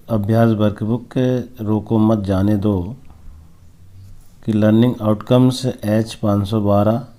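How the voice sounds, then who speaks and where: A man teaching a school lesson, explaining slowly and reading examples aloud. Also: lowish voice, dark tone. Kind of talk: recorded class lesson.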